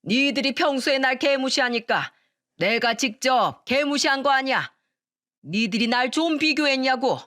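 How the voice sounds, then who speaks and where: A woman voicing a spiteful, angry older father-in-law in a radio story reading, shouting with scorn and drawing words out. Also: high voice, measured pace, pitched above the performer's own voice. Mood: furious scornful.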